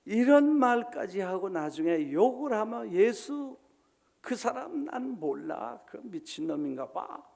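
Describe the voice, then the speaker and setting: Male pastor, middle-aged, gravelly and mellow, dramatic sermon delivery with big swings, slips in English words. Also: sits high, big pitch swings, a little slow. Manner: dramatic, acts out biblical quotes with swings from loud to hushed; mixes English words into Korean. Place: church sanctuary.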